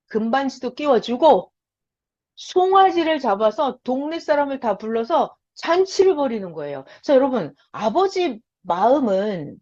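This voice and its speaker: A woman teaching a lecture for beginners, telling a story with animation and putting questions to her listeners, on a lo-fi recording. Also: high voice. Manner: animated storytelling, quizzing the audience. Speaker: Bible teacher. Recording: lo-fi dull recording.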